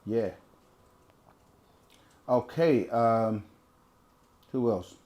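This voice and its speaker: A man of medium pitch draws out his words, and the audio sounds dull. He's hosting a live Q&A stream, casually reading viewer questions from chat aloud and giving long answers, conversational and prone to repeating himself.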